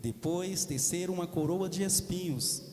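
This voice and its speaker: Man reading the passion slow and steady, kinda high voice, big cathedral echo. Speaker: reader of the Passion. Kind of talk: liturgical Gospel narration. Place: large cathedral. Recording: echoey cathedral hall.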